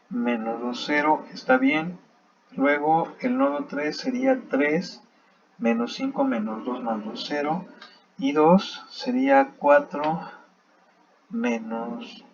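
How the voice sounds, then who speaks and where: A man teaching a math lesson over a screen recording, thinking aloud as he checks his work. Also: medium pitch. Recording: slightly dull sound with faint background noise.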